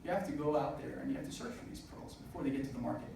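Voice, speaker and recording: Here a man in his twenties talks very fast, his medium-pitched voice showing vocal fry, as he earnestly motivates a student business event audience with many "uh" fillers. The audio comes from far away in a noisy hall full of echo.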